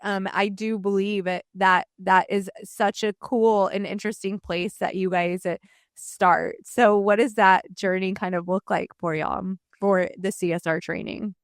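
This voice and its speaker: Lady host chatting casually, smooth clear tone, lots of ums. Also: medium pitch, fairly even intonation, unhurried, no room sound, studio quality. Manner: warm, chatty, many fillers. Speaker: podcast host. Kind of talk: casual interview chat.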